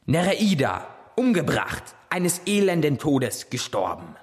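A man's voice: mid-range voice, sing-song, slow, fairly bright tone, long reverb tail. A man voicing a powerful male sea god, bellowing in outrage and grief. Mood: enraged.

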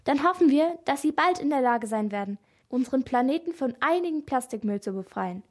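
A bold girl detective, eager and full of energy, as a woman storyteller puts her on. Her voice is high and bright for a children's mystery. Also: expressive, brisk.

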